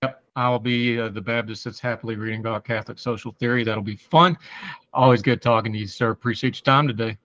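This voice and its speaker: A man's voice: mid-range voice, steady tone, fast, a bit bright, dry recording. A man with an Appalachian hillbilly accent, chatting casually and in a folksy way as a talk show host, on slightly lo-fi audio. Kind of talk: casual interview chat.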